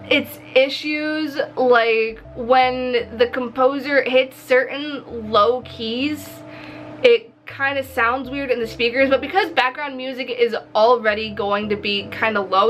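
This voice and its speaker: This woman, a visual novel developer who vlogs, has a high, bright voice and speaks a little slowly in a casual video diary to camera, with music playing behind her. She's animated and expressive, self-deprecating, and drops casual swears.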